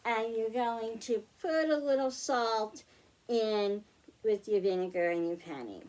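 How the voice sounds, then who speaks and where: A children's librarian hosting a science storytime speaks in a somewhat high, slightly mellow voice, a little on the slow side. She walks the kids through a hands-on demonstration one step at a time, using simple, patient phrasing.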